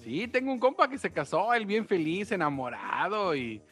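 A man's voice: high voice, big pitch swings, normal speed, a bit bright, husky, faint music behind. A man co-hosting a radio show in slangy casual chat. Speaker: radio co-host.

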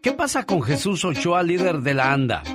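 Man, radio host, animated pitch, music clear behind. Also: normal speed. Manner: lively announcer. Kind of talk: radio show hosting.

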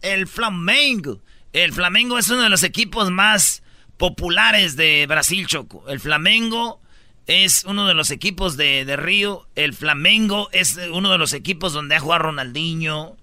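A man with a high, very bright voice co-hosts a sports call-in show. He tells stories emphatically in casual chat, close on a dry studio mic. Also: a little slow, no echo. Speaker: co-host.

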